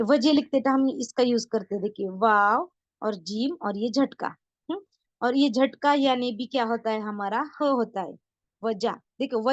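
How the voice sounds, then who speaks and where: A woman teaching an online beginner Urdu writing lesson, patient, repeating words slowly and often checking that her students follow. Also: fairly high pitch, dry recording, highs cut off. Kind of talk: online beginner lesson, explaining letters step by step.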